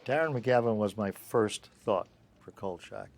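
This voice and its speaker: Older man telling lively production stories. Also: on the low side, a little slow. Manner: animated, acts out dialogue in his anecdotes. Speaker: film producer and director. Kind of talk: interview storytelling.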